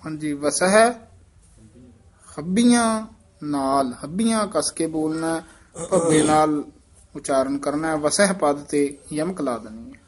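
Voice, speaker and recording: Patient man teaching scripture recitation. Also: a little high. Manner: patient and instructive, repeating words slowly and deliberately. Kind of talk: recitation lesson with corrections.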